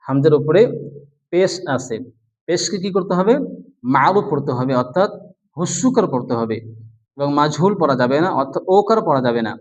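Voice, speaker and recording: A man teaching Quran reading, slowly spelling out letters and vowel marks one by one and repeating each word. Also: on the high side, darkish tone. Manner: slow, deliberate drilling of letter sounds. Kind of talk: slow recitation lesson. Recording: dull lo-fi sound.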